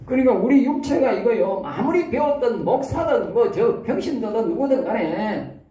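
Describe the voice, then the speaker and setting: A man's voice: very high-pitched, expressive, normal speed, dark tone. A man with a Gyeongsang accent preaching an expository sermon to theology students. He keeps checking in with "eh?" and asks rhetorical questions. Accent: Gyeongsang Korean. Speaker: pastor teaching theology students. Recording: echoey room, mic at a distance.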